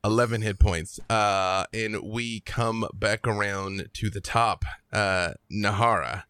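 A man's voice: fairly low pitch, fairly even intonation, takes it slowly, pushed and bright, clear, resonant tone, dry recording. A man narrating a tabletop game as the game master, moving between story description and rules.

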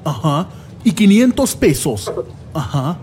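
A man's voice: on the high side, very animated, takes it slowly, mellow, slight background noise. A man dubbing a street storyteller in an overly formal, stilted manner.

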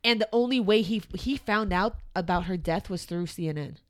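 Chatty woman podcast co-host. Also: normal speed. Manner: chatty, many fillers, animated jumps in pitch. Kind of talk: casual chat.

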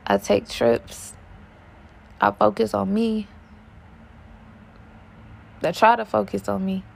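Woman vlogger, casual rambling chat, slow delivery with a gravelly edge. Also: medium pitch, fairly even intonation, a little mellow. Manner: rambling, musing aloud, self-correcting.

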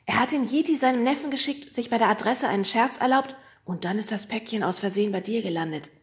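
A woman's voice: fairly high pitch, quick pace, pitched above the performer's own voice, natural voice. Woman doing an eager polite schoolboy.

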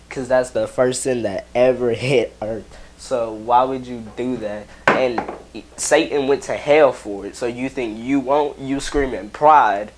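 Pastor, male, slow unhurried delivery, casual rambling preaching to camera, breaks off mid-thought. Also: mid-range voice, slight background noise. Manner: rambling, self-interrupting, laughs at himself.

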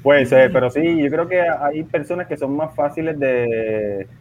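Puerto rican guy on a call, explains things calmly, laughs a bit, sounds tinny like a phone line. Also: a little high, crowd noise. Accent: Puerto Rican Spanish, partly softened by living in Spain. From Puerto Rico. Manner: explanatory, measured, chuckles often. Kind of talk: casual conversation.

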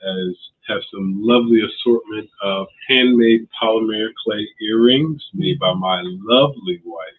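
A man from Delaware co-hosting a podcast, chatting casually in a laid-back, unhurried way. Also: on the low side, a little hiss or hum. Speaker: podcast co-host. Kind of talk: casual chat. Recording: tinny phone-like line.

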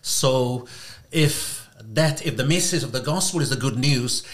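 A man answering interview questions as a podcast guest, in a measured, halting way with repeated words. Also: medium pitch. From Mangere, South Auckland, of Niuean descent.

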